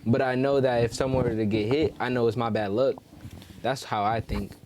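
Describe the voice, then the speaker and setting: Slightly fast and a little mellow, this podcast co-host's medium-pitched voice keeps a steady tone, with a little hiss or hum on the recording. His casual chat is slangy and profane, with phrases repeated for emphasis.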